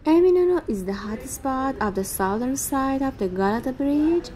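A woman hosting a walking tour video, reading a scripted travel narration in an even, gentle manner as a voice-over. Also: high-pitched, normal speed, poor audio. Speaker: walking tour vlog host.

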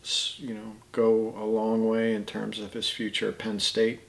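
A middle-aged man in a casual interview, hesitant and halting with many ums, speaking about a student. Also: lowish voice, monotone, creaky. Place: indoor room, plain wall.

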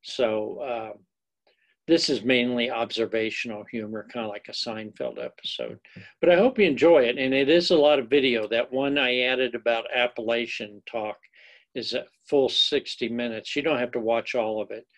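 A man's voice: mid-range voice, normal speed. A man giving a recorded course lecture as an instructor, rambling and folksy, with many fillers and self-deprecating asides.

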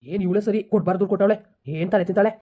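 A woman's voice: medium pitch, steady tone, rapid-fire, warm tone, close to an everyday voice. A woman playing a rude young male debtor who mocks the woman he owes money in a village drama. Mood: insolent. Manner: mocking, dismissive.

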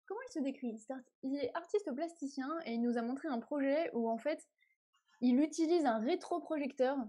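Chatty high-voiced woman co-host. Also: brisk, warm tone. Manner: chatty, enthusiastic, slangy. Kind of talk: casual live stream chat.

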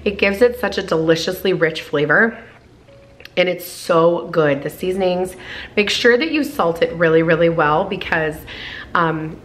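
In her home kitchen, a woman in her thirties with a lowish voice narrates a casual cook-along video, gushing over the food. As a cooking vlogger, she fills her talk with "like" and "oh my goodness," over a slight hiss or hum.

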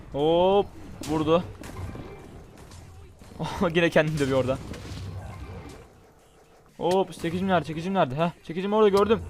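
A young man doing casual, excitable gameplay commentary, chatting straight to his viewers. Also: a little high. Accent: Turkish. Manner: chatty, excitable, talks to viewers as "guys" and "bro". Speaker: gaming YouTuber. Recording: faint game music behind.

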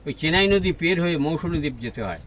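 With wind and boat sounds all around, a man narrates a tour from the open deck of a boat at sea in a low-quality recording. His high-leaning, slightly bright voice moves fast with big swings in pitch. He explains things lecture-fashion, ticking off points one by one.

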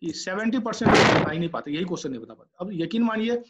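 A man's voice: sits high, lively intonation, quick pace, very noisy. A middle-aged man lecturing students on job interviews, coaching them directly and acting out sample candidate answers. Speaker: lecturer giving interview tips. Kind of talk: classroom lecture in Hindi mixed with English. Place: classroom with students.

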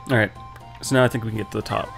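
A man co-hosting a casual let's play at a desk microphone, calmly explaining the game and swearing offhandedly. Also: fairly low pitch, very fast, vocal fry. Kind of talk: casual gameplay commentary. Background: game music.

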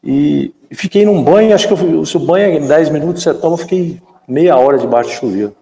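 A man from Brazil in his fifties, a former footballer and guest in a live chat, telling a story in an animated way and acting out the dialogue. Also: on the high side, quick pace, creaky. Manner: animated storyteller who acts out quoted dialogue. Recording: echoey room with long reverb.

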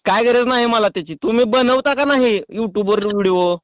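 Smooth high-voiced man pranking on a phone line. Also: moderate pace, no room sound. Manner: calm, teasing, mock-official. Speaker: prank caller. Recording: muffled phone call.

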